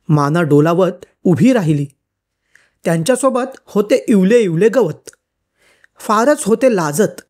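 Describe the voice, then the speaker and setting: Woman, children's story narration, lilting, expressive, storybook reading. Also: medium pitch.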